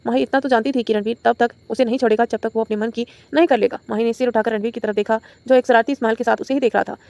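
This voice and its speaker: Quick-reading woman storyteller. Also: a little high, fairly even intonation, creaky, darkish tone, no echo. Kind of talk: reading a romance audio novel.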